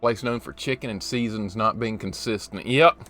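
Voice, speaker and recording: Here the same kind of forties-aged streamer keeps up casual talk with his chat while responding to the gameplay. His voice sits lowish with a fairly bright tone at normal speed, and soft music plays in the background.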